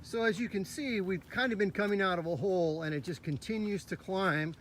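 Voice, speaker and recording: Guy with a high voice walking a race course outside, giving tips, bit of outdoor noise. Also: brisk, fairly bright tone. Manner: instructive, upbeat. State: slightly out of breath. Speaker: cross country coach. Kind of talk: walking course tour commentary. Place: outdoor park trail.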